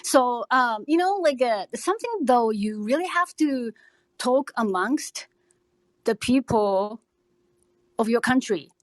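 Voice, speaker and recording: A woman's voice: a little high, expressive, takes it slowly, dry recording, rough recording. A woman from Japan with a Japanese accent, chatting casually and a little hesitantly in a group discussion. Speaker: podcast panelist. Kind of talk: casual chat.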